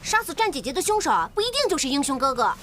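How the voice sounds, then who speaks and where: A bright, clever young woman. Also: high-pitched, sing-song, rapid-fire, a little hiss or hum. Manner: bright, coaxing and explanatory. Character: clever, lively young woman explaining a clue. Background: drama score music.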